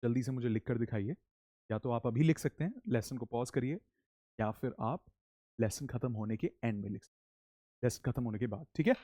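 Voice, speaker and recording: A man teaching English in Hindi, leading slow, animated repeat-after-me drills. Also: mid-range voice, no room sound, studio quality. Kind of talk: spoken English lesson in Hindi.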